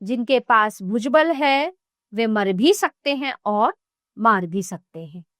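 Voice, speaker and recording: A woman's voice: fairly high pitch, animated, takes it slowly, a bit bright, no echo, studio quality. A woman voicing a proud young noblewoman who haughtily defends an emperor's might. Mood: haughty. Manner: haughty, indignant.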